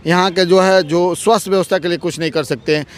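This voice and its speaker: A man with a somewhat high voice speaks as an interviewed advocate. He argues forcefully, piling up rhetorical questions and repeated phrases. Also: fairly even intonation, quick pace. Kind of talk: heated political interview.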